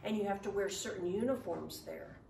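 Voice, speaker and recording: A woman's voice: mid-range voice, fairly quick, gravelly, a little mellow. Earnest woman speaking in a roomy living room. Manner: earnest, encouraging, gesturing while speaking. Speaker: ministry speaker at school chapel. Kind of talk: chapel talk. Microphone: far camera. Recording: roomy, distant camera audio with faint noise.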